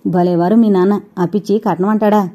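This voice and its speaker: A woman voicing a nosy, sharp-tongued older mother-in-law who pries and needles. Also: medium pitch, fairly even intonation, a little fast, close to an everyday voice. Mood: prying. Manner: prying, needling.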